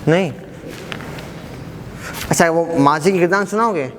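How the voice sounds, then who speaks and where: A man teaching an Arabic class, briskly quizzing students and encouraging them not to be shy. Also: a little high, crowd noise. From Pakistan. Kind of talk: classroom quiz lesson. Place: mosque hall. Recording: echoey hall with background noise.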